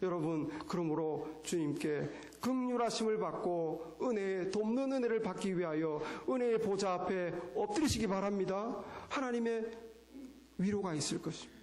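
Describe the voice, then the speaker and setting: A man's voice: high-pitched, moderate pace, hardly any pauses, a little mellow. A man preaching a sermon as pastor, asking rhetorical questions and acting out quoted lines. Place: church sanctuary. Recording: echoey church hall.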